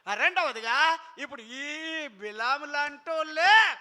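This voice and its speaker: A man preaching a sermon as pastor, telling a story in an animated way, acting out the voices of biblical figures and calling on the congregation to answer aloud. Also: extremely high pitch, takes it slowly.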